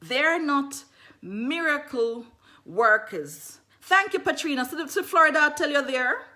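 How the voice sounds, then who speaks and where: Jamaican woman, herbalist livestreamer; bright high voice, chatty, often repeats lines. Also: a little slow. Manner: greets viewers mid-sentence, repeats phrases, animated. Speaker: herbalist selling skincare on a livestream. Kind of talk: casual livestream chat.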